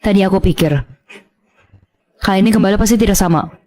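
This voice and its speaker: A woman's voice: mid-range voice, a little fast, warm tone, natural voice. A woman voicing an earnest, determined young heroine. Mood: resolute. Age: young adult. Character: determined young woman given a second chance. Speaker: narrator and heroine. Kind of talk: dubbed drama narration.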